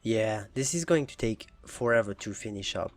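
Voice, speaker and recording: Relaxed young man narrating gameplay. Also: fairly low pitch, normal speed. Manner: relaxed, hesitant with frequent fillers and restarts. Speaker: gaming channel host. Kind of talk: casual gameplay commentary.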